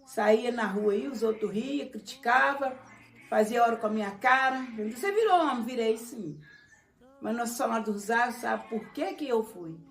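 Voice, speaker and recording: Lively storyteller woman. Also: a little high, moderate pace. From Brazil, Minas Gerais. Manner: lively storytelling, acting out quoted dialogue. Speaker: interviewee, congo dancer. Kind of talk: documentary interview storytelling. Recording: roomy sound from a distant mic.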